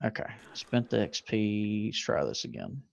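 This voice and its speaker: A man's voice: on the low side, sing-song, normal speed, gravelly, no echo. A man playing a tabletop role-playing game, easygoing and chatty. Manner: easygoing, swears when frustrated. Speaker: player. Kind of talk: tabletop game play, casual chat.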